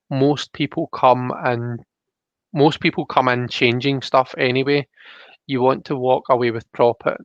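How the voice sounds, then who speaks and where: A young man hosts a live stream in a casual, rambling way, thinking out loud and reading viewer comments. His mid-pitched voice is ordinary but gravelly, and the recording sounds dry and a bit dull, with no echo.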